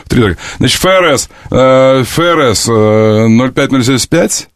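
A man hosting a morning radio talk show, talking in an animated, opinionated way and repeating words in quick runs. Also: mid-range voice, clean tone, no room sound. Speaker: radio host. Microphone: studio microphone.

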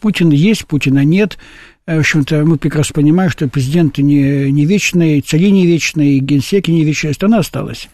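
A man's voice: a little high, brisk, darkish tone, dry recording, studio quality. A man answering an interview host's questions in an emphatic way, often asking whether the listener understands. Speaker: guest.

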